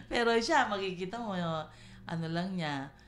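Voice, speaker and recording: A woman from the Philippines sharing her faith story in casual, halting talk with many fillers. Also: mid-range voice, expressive. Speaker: church member sharing testimony.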